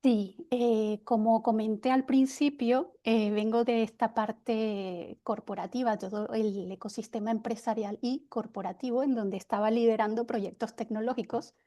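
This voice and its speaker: Woman, Venezuelan accent, middle-aged, mellow tone, reflective, hesitant. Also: fairly high pitch, steady tone, moderate pace, few pauses. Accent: Venezuelan Spanish. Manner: reflective, many hesitations and restarts. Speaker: panelist, personal development consultant. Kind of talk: webinar panel talk. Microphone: video call.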